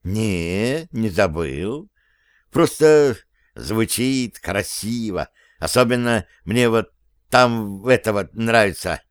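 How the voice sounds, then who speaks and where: A touchy circus performer defends himself and pleads his case, voiced by a man narrator. The tone is smooth and unhurried in a dry room. He sounds wounded and eager to be believed. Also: lowish voice, lively intonation, no echo. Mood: defensive.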